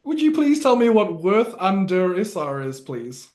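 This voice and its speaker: Host, giggly, jokey, stammering, casual panel game chat, middle-pitched. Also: sing-song, unhurried, a little mellow.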